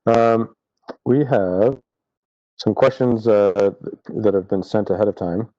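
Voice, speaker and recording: A man's voice: on the low side, takes it slowly, mellow, dry recording. A man moderating a panel question session over a video call, organized and reading out questions. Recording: dull dry video call audio.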